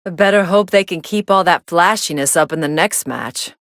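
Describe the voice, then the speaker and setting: A woman's voice: fairly low pitch, moderate pace, fairly bright tone, dry recording. A woman playing a cool, sardonic young female android fighter commentating matches in an anime video game, with a dry, sarcastic delivery. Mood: dry, mildly impressed.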